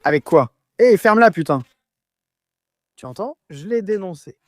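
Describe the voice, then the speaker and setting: A man's voice: sits high, expressive, normal speed, no echo, studio quality. An actor playing a defensive, squabbling man who keeps protesting his innocence. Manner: indignant, protesting, repetitive denials. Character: Tiberius, defensive squabbling man denying blame.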